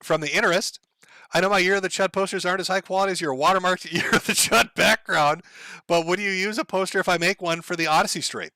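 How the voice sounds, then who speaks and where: A man hosting a livestream, reading viewer donations out loud and telling stories in a casual, profane way, often laughing. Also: high voice, fairly even intonation, fast, dry recording. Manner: profane, laughing, rambling storyteller.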